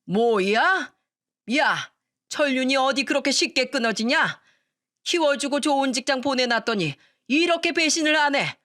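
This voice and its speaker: A furious, scornful older man, put on by a woman reading a radio story. He shouts in a raised, slow, drawn-out voice, full of spite. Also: high voice, voice pushed up. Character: angry spiteful older man, father-in-law.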